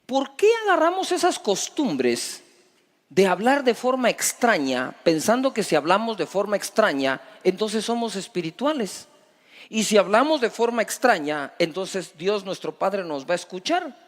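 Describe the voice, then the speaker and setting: Man, pastor, sermon, high voice, emphatic preaching, long hall reverb. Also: big pitch swings, normal speed. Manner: emphatic preaching with wide swings between loud and hushed.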